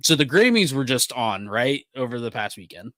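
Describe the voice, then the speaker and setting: Bright-voiced young man telling stories. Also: mid-range voice, moderate pace, dry recording. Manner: animated storyteller, laughs often. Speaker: podcast co-host. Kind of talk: casual chat.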